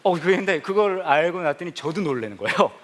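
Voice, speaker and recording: A man's voice: on the high side, animated, brisk. A male pastor telling a humorous, self-mocking story in a sermon to a congregation. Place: church service before a congregation.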